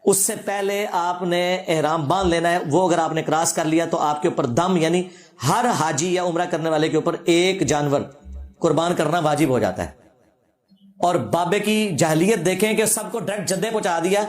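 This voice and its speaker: Religious scholar, male, high voice, sarcastic debunking tone, roomy echo. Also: soft background music. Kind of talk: reaction lecture.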